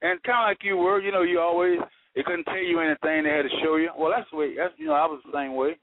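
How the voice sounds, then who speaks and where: A man's voice: fairly high pitch, steady tone, fast. Man on a tinny, static phone line. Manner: folksy, earnest, preacherly, uses homespun sayings. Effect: heard over the phone. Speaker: radio call-in caller. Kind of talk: casual call-in talk.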